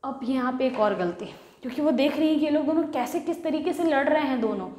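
A woman's voice: high voice, animated, fast talker, a little mellow. A woman teacher explaining a play to students, telling the story and mixing Hindi with English. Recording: echoey room with long reverb.

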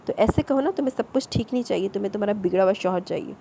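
A woman's voice: mid-range voice, gravelly, mellow, a little hiss or hum, close to an everyday voice. A woman voicing an angry, possessive young feudal lord scolding his wife. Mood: stern. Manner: scolding, stern.

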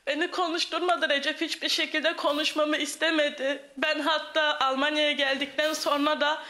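Young woman in tense, halting testimony. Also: high-pitched, little pitch movement, pushed and bright. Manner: halting, quoting others at length. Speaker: guest giving a statement on live TV. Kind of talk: emotional testimony.

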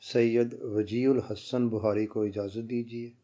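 A man narrating a scripted documentary as the channel's host, with formal, literary diction and a measured, reflective delivery. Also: mid-range voice, level tone, warm tone, muffled recording.

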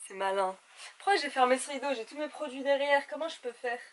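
High-voiced woman in animated girly gossip. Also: a little fast, background noise. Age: young adult. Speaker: beauty vlogger. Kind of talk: casual gossipy chat to camera, as between girlfriends. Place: small indoor room at home.

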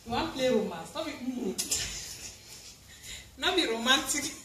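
Speaking slowly in a high, expressive voice, a home vlogger in her thirties with a Cameroonian accent chats casually to camera while doing housework. She's indoors in a tiled kitchen. The sound comes from a camera or phone held at arm's length or farther, and the tiled room is echoey with clear noise.

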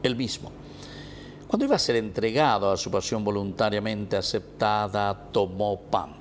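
Solemn Paraguayan priest at Mass. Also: male voice, on the low side, animated, slight background noise. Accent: Paraguayan Spanish. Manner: solemn, measured, drawn-out phrasing. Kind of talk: liturgical recitation at Mass. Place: small indoor chapel. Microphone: fixed camera at the altar.

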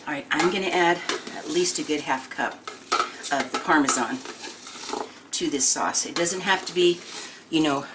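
Dishes and pans clink in the background of this noisy indoor kitchen recording, where a low-voiced woman in her sixties hosts her home cooking video. Her talk is casual and homey, full of pauses and ums.

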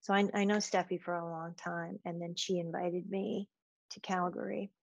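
A woman's voice: fairly low pitch, level tone, moderate pace, creaky, dry recording. A woman guest on a podcast, talking about teaching in a thoughtful, storytelling way and laughing easily. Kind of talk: casual interview chat. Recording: dull, dry lo-fi sound.

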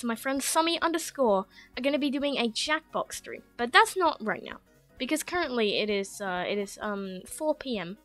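A woman's voice: on the high side, fairly bright tone. A woman streamer chatting playfully to her viewers over a livestream headset mic. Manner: playful, chatty, addresses chat directly. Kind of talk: casual livestream chat.

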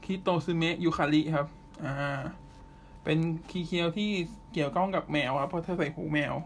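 A man hosting a podcast, chatting casually through anime news and often pausing with drawn-out fillers. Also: on the high side, fairly even intonation, slight background noise. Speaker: podcast host.

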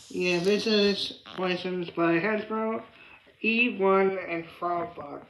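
Here a woman with a mid-range voice reviews toys in loose, unscripted chat, stumbling, repeating and letting sentences fade out. The room is indoors with hard tile underfoot, so the audio echoes, with background noise and clicking.

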